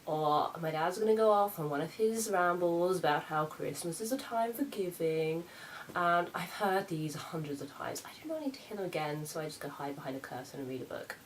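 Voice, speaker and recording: A woman plays Santa's campy, boastful daughter in a comic vlog. The voice sits fairly low for a woman, with theatrical, sassy, self-important delivery. There is noticeable background noise. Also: lively intonation, fairly quick, natural voice, rough recording. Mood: chatty, smug. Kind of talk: in-character comic gift-guide vlog.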